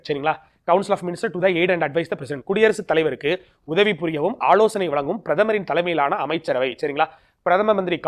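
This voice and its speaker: A man teaching a recorded exam-prep lesson over slides. He often checks in with "okay?" and reads English terms out slowly. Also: high voice. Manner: tags lines with a checking "okay?", mixes English terms into his explanations.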